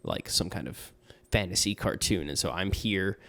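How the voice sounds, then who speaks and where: A man's voice: sits low, animated, moderate pace, creaky, pushed and bright. A young man talking casually on a podcast about tabletop games, earnest and rambling with restarts and fillers. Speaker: podcast guest, tabletop player and game master.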